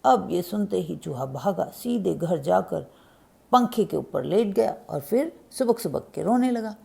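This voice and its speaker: A woman narrating a children's story and speaking gently to young listeners. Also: on the low side, expressive, a little slow, vocal fry.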